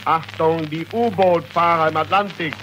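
A man's voice: on the high side, fairly even intonation, moderate pace, a bit bright, soft background music. A man announcing and calling out stations in a formal live broadcast, heard as an old 1940s radio recording. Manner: calling out stations with repeated commands. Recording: noisy archival radio recording.

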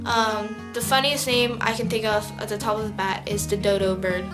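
A woman's voice: medium pitch, little pitch movement, normal speed, over music. A teenage girl video blogger rambling casually to camera in a stairwell, correcting herself as she goes. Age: teens. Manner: rambling, conversational, self-correcting. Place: indoor stairwell.

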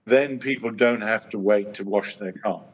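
An older British man on a video call, speaking as a panelist in a measured way, with many pauses and fillers. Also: lowish voice, breathy edge. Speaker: trade association chairman, panelist. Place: home study, indoors. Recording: muffled video-call audio.

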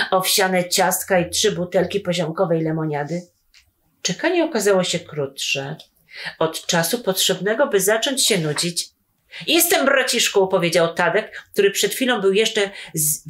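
A woman author reading her children's story aloud with slow, expressive storytelling. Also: fairly low pitch.

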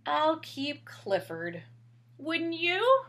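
A high-pitched, middle-aged woman reads a picture book aloud to children like a teacher, expressive and deliberate, drawing out her emphasis. She's indoors in a small bedroom at home.

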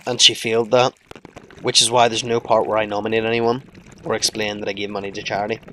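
A man's voice: lowish voice, level tone, fast talker, pushed and bright, poor audio. A young man narrating his own home video as a scripted voice-over, with a wry, self-mocking manner. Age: young adult.

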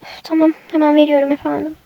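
A woman voicing a weary, polite female cashier in a toy game role-play, speaking formally and quietly. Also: little pitch movement, fast, vocal fry, no room sound, dull audio. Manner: polite, formal, low-key.

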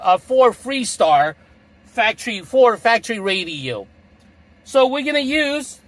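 A middle-aged man with a very high-pitched, slightly bright voice demonstrates a gadget from inside a parked car. His product demo is repetitive and salesy.

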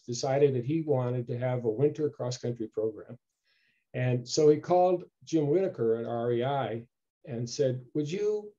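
An older man giving a relaxed, storytelling slide-show talk from home over a video call, often clearing his throat. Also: mid-range voice. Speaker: local history speaker. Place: home room with bookshelves. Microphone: video call webcam. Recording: dull lo-fi video call audio.

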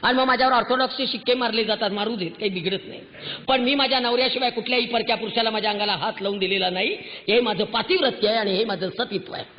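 A woman with a slightly high voice speaks quickly, delivering a passionate, scolding lecture to a crowd of women and firing off rhetorical questions. The recording is muffled, with long reverb from a hall.

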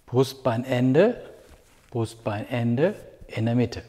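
A man teaching a home yoga class, giving calm, patient step-by-step cues with a clip-on mic. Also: mid-range voice, slow, a little hiss or hum. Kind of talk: guided yoga instruction. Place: room at home. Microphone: clip-on microphone. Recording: long hall reverb.

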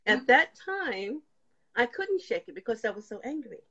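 A woman's voice: on the high side, very animated, normal speed, fairly bright tone. An older woman giving a personal faith testimony as a guest, telling her story and acting out past conversations. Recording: slightly dull lo-fi sound.

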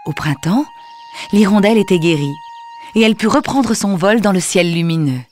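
A woman narrating a children's storybook in a gentle, expressive reading. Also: mid-range voice, normal speed. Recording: music under the voice. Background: soft music.

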